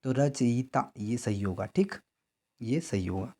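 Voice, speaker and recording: A male teacher with a Madhya Pradesh Hindi accent runs an exam-prep lesson. His voice is mellow and warm, sitting in a middling pitch. He keeps asking his own questions and answering them, with a steady "theek hai" after each point. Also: unhurried. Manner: repeats answers as questions to students; frequent "theek hai" check-ins.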